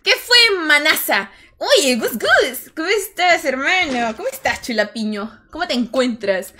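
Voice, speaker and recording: A woman streamer, her voice pitched high and sounding bright. She chats and jokes with her viewers while gaming, thanking them by name and reacting to the match, with a faint hiss under the mic. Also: sing-song, unhurried. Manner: chatty and joking, thanks viewers and reacts to play. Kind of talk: casual livestream chat while gaming.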